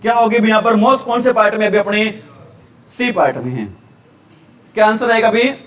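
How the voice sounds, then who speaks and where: Speaking at normal speed, this teacher from India has a strikingly high, slightly bright voice as he runs a grammar revision lecture. Asking questions and then answering them himself is a constant habit, and he's picked up by a mic set some distance off.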